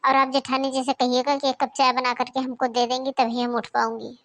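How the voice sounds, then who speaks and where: A cheeky lazy young bride. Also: female voice, high voice, flat delivery, brisk, a bit bright. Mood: lazy, rude. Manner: offhand, cheeky replies. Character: lazy rude young daughter-in-law, defiant. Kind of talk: cartoon voice acting.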